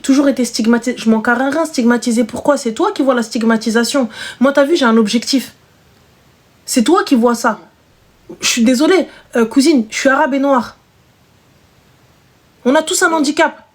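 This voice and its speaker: A woman's voice: on the high side, brisk. A woman hosting a live stream, talking bluntly and brashly in casual chat, cutting in on her caller. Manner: outspoken, brash, interrupting.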